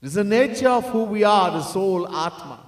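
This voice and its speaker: A high, expressive male voice at a moderate pace teaches as a swami, earnestly driving home key points and breaking at times into sung verse chanting. The setting is a temple hall, recorded with a distant mic in echoey acoustics.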